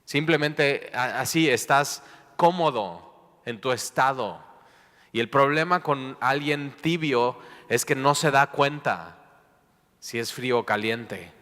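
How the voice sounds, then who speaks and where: A man's voice: mid-range voice, takes it slowly, fairly bright tone, long reverb tail. A Mexican man preaching a sermon, playful, acting out small everyday dialogues. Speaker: pastor.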